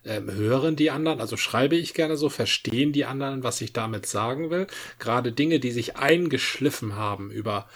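A man on a podcast, explaining his views in a measured, emphatic way with pauses. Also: medium pitch, fairly bright tone. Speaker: podcast co-host. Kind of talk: casual podcast chat.

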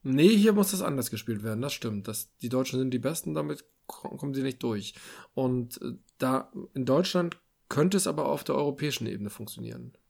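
Man, gravelly, conversational, thinks out loud with halting fillers. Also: medium pitch, expressive. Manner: thinks aloud with many fillers and restarts. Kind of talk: casual political discussion.

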